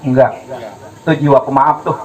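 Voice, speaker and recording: A man preaching a humorous, animated sermon to a gathering, acting out dialogues and asking the audience questions. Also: medium pitch, normal speed, muffled recording. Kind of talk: lively religious sermon. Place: gathering hall with live audience.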